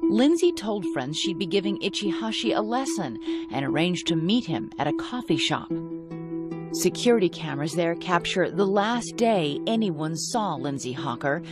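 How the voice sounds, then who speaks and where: A woman's voice: fairly low pitch, sing-song, normal speed, loud music behind the voice. A woman narrating a true crime documentary from a script, as the reporter telling the story.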